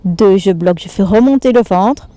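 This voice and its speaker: A fitness instructor in her thirties with a Belgian French accent leads an exercise demonstration, counting and breathing through each move as she explains it. Her voice is mid-range and mellow, at a normal speed.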